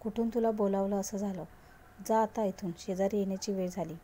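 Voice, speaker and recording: A hurt young woman answers in short, cutting lines, her voice mellow and low-key rather than bright, as a woman storyteller reads her part. She sounds curt and dismissive throughout. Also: fairly even intonation, fairly quick, close to an everyday voice. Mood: angry. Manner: snapping, curt.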